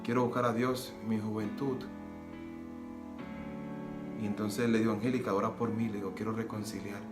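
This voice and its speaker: A man's voice: fairly low pitch, little pitch movement, normal speed. Earnest man, roomy echo. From Nicaragua. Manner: earnest, repeats phrases, re-enacts dialogue. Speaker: preacher giving testimony. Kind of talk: personal religious testimony. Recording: roomy echo with soft guitar music.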